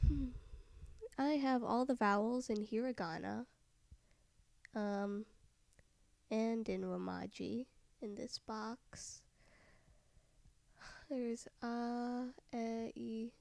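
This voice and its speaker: Soft, gravelly-voiced woman tutor. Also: medium pitch, dry recording. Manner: soft-spoken, often trailing into a whisper. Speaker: software tutorial maker. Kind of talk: screen-recorded software tutorial voice-over.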